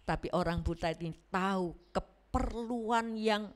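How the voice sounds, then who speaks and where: A woman preaching a sermon in a church, animated and acting out the voices she quotes. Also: mid-range voice, a little slow. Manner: animated, acts out quoted voices, mixes in Javanese words.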